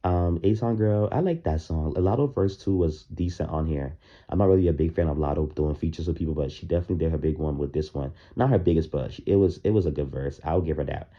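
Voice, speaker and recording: This music reaction vlogger has an extremely low-pitched, dark voice and talks fast. Still in his morning voice, he gives casual, opinionated takes on music, rambling with plenty of fillers, and the lo-fi recording sounds dull.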